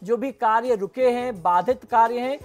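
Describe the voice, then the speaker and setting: A middle-aged man, an astrologer guest on a TV program, explaining devotional mantras in a measured way and chanting them slowly. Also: very high-pitched, soft background music.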